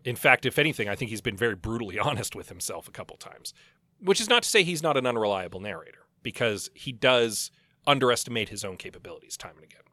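Casting: man, bright forward voice, wry podcast co-host chatting about books, dry studio-close sound. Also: mid-range voice, big pitch swings, fast, dry recording. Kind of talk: casual book discussion.

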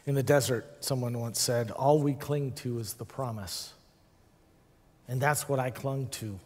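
A middle-aged man delivers a reflective sermon built on a personal story. His voice sits at an everyday male pitch and often sinks into soft, hushed passages with long pauses. A long reverb from the church sanctuary trails after each phrase. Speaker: pastor.

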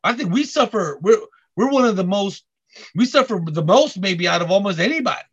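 A man chatting casually on a podcast, halting with many restarts and repeated words. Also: high-pitched, expressive, husky. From Korean heritage. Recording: dull lo-fi audio.

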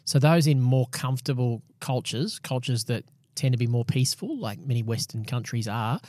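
Mid-pitched man hosting a conversational podcast. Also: lively intonation, normal speed, a little mellow, no room sound, studio quality. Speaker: podcast host and pastor. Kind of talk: casual conversational podcast chat.

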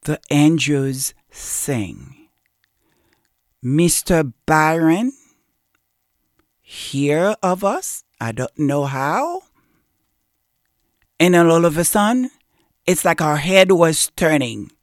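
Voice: mid-range voice, lively intonation, slow, pauses often, no echo, clean studio sound. A show host giving an emotional, heartfelt monologue with a preacher-like cadence.

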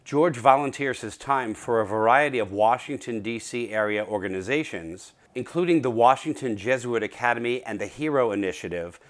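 A man hosting a podcast, with a voice of ordinary pitch for a man. He wraps up the episode in a steady, scripted way. Between the scripted parts he laughs easily. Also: a little fast, few pauses. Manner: laughs often, ends with a playful spoken rap. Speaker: podcast host. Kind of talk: interview podcast with scripted outro.

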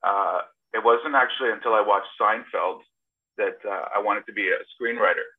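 A husky, fairly low-pitched middle-aged man, a screenwriter guest, answers casually with personal anecdotes at normal speed. Born in Serbia and raised partly in Toronto, Canada, he's heard over a video call with thin, phone-like internet audio.

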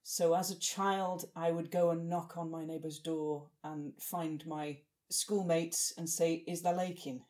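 A woman's voice: low-pitched, level tone, slow, few pauses, a little mellow. A woman from Yorkshire with a broad Yorkshire accent, chatting casually as a podcast co-host and explaining things. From Yorkshire, England. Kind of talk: casual chat, explaining local dialect.

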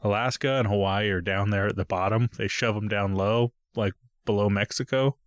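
A man's voice: lowish voice, fairly even intonation, normal speed, no room sound, studio quality. A man co-hosting a podcast in a casual chat, tossing out jokes and wandering asides. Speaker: podcast co-host. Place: home basement studio.

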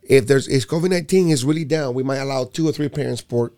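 A man from Puerto Rico talks casually and emphatically about youth sports. He presses his points hard and restarts phrases with repeated words, and his voice sits at an ordinary middle pitch. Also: fast talker, mellow. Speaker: youth basketball program director. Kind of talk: casual conversation.

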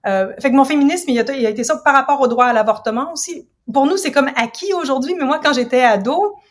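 Reflective woman in her fifties from Ottawa. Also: sits high. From Ottawa, Canada. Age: 50s. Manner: reflective, measured, explanatory. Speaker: guest, university professor and writer. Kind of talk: casual interview talk.

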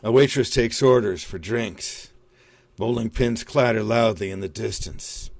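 A man's voice: lowish voice, a little slow, gravelly, darkish tone, no room sound. A man narrating, reading screenplay stage directions.

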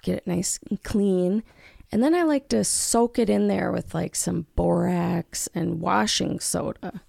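A woman's voice: on the low side, measured pace, vocal fry, mellow, no room sound, clean studio sound. A woman co-hosting a casual relationship podcast, a chatty storyteller with teasing interjections. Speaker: podcast co-host.

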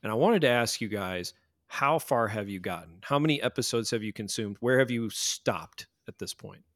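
A man's voice: fairly low pitch, animated, moderate pace, a bit bright, no room sound, studio quality. An American man hosting a casual podcast chat, joking and steering the talk. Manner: joking, leads the conversation. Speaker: podcast host.

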